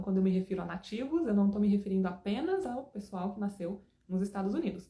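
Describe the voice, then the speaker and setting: A woman's voice: medium pitch, mellow. Chatty woman teacher in an echoey room. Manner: chatty, checks in often with "tá?". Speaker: English teacher. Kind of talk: casual online English lesson.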